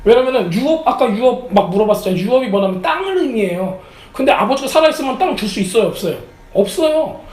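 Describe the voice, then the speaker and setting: Animated pastor with a high, lively voice. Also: male voice, fast talker, few pauses, reverberant, rough recording. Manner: animated, acts out quotes of characters. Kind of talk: sermon. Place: church sanctuary.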